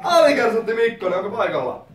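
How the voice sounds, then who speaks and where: A man roasting an audience at an event, shouting and cursing his insults. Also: sits high, very animated. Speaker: roaster at a conscript gala. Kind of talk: comedy roast. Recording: echoey room from far off with loud crowd.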